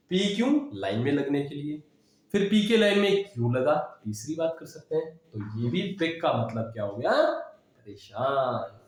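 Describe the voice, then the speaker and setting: A man's voice: a little high, a little mellow. A man teaching English vocabulary in Hindi, explaining words with memory tricks and checking in with "है ना?" as he goes. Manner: explains with mnemonics, frequent "है ना?" check-ins. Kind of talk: classroom-style vocabulary lesson. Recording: very echoey room.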